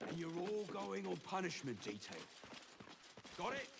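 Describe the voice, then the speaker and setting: An actor playing a strict, barking military officer in a video game. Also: male voice, high voice, sing-song, normal speed, creaky, heavy background noise, exaggerated voice. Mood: stern. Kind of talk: video game character acting.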